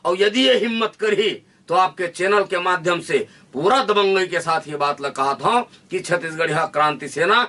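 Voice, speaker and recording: A man with a Chhattisgarhi accent giving a forceful interview answer, declaiming in rallying repeated lines. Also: high-pitched, normal speed, few pauses, recorded from a distance. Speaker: interviewee, activist leader. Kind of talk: fiery political speech.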